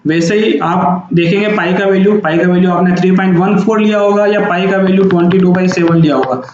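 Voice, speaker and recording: High-voiced male teacher in echoey room. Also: fairly even intonation, fairly quick, a little mellow, a little hiss or hum. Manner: repeats points, frequent "theek hai" checks. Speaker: maths teacher. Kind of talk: classroom-style math lecture. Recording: very echoey, dull lo-fi room sound.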